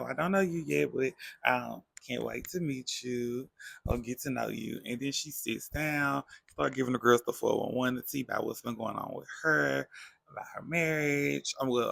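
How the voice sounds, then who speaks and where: Speaking with vocal fry at a medium pitch, a man gossips through a recap of a reality show episode, animatedly voicing the cast's quotes as he goes. The audio is dry, with no room sound.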